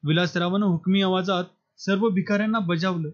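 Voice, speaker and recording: Male audiobook narrator, dramatic storyteller, high-pitched, slightly muffled recording. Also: steady tone, a little fast. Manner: dramatic storytelling, voices characters lightly. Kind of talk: scripted novel reading.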